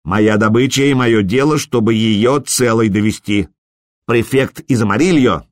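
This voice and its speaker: A man voicing a gruff male bounty hunter who speaks with a rough rustic drawl. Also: mid-range voice, unhurried, dry recording, clean studio sound, natural voice. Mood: firm.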